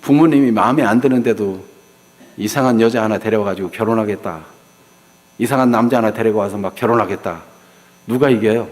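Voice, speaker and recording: A man's voice: fairly low pitch, brisk. A male pastor preaching a dramatic sermon, acting out pleading voices of biblical figures. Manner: dramatic, acts out biblical figures' pleas in rising cries. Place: church sanctuary. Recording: hall reverb with mains hum.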